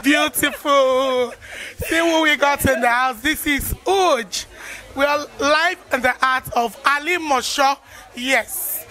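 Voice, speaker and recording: Nigerian lady presenter at a launch party, super excited and gushy, bright high voice. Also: takes it slowly. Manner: excited, gushing, full of praise. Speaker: event show presenter. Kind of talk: live on-location event interview. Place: busy salon during a launch event.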